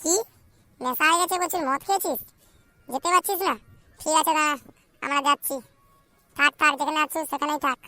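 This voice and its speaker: Woman playing a whiny young unmarried guy, fast and sharp, cartoon, complaining and cursing. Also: sits high, dry recording, faint music behind. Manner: fast complaining chatter, full of swearing. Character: young unmarried man, whiny and crude-talking. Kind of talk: cartoon voice acting.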